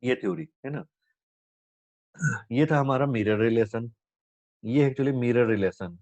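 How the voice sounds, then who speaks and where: A man teaches physics while explaining problems on a board, speaking Hindi mixed with English terms. He constantly tags lines with "है ना" and asks questions only to answer them himself. His medium-pitched, darkish voice is a little slow, in a dull, dry lo-fi recording with no echo.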